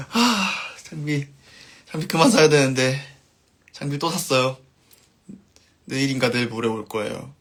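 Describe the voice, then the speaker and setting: A band musician chats on his live stream and reads viewer comments aloud, his sentences trailing off softly. His voice is fairly high and husky, and he takes it slowly with frequent pauses.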